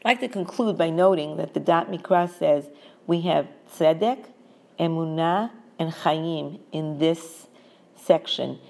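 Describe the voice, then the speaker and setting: A woman giving a measured scripture lesson, reading each verse in Hebrew and then explaining it in English. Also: sits low, vocal fry, a little mellow. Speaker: Torah teacher.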